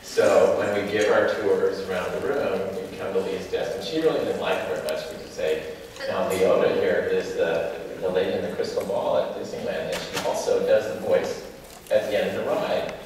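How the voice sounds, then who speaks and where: A man's voice: low-pitched, moderate pace, a little mellow, slight background noise. A man telling rambling anecdotes to a live audience. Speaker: panel speaker. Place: large indoor event hall. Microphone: far camera. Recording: echoey hall from far off.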